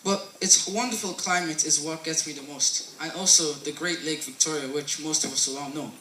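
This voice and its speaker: A man's voice: on the high side, bright, forceful tone, a little hiss or hum. A teenage boy reading a sincere school speech, with small slips. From Ireland. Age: teens. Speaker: student presenter. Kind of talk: scripted school presentation. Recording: roomy echo, mic at a distance.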